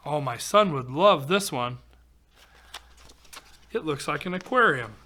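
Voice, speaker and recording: This volunteer reader for children has a slightly high, animated, sharp-toned voice and reads a little slowly. He brings a rhyming picture book to life with exclamations and conversational asides.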